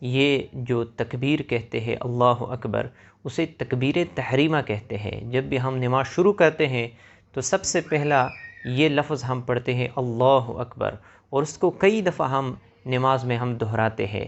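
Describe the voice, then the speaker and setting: A man teaching viewers how to pray correctly, demonstrating recited phrases slowly and carefully. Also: mid-range voice, vocal fry, muffled recording. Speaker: religious teacher. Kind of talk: explaining prayer rules to viewers.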